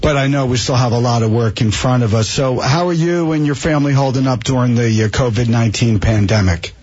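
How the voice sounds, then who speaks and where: Male radio host, husky voice, chatty long-winded interviewer, lo-fi broadcast. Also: mid-range voice, a little fast, darkish tone. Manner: chatty, friendly, asks long questions.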